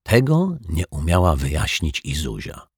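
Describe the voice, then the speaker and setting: A man with a low, slightly husky voice reads a children's story aloud. His narration is expressive and moves through a wide range of pitch. The recording is dry and close to the mic. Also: a little slow, no echo. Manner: expressive, lively reading. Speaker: audiobook narrator.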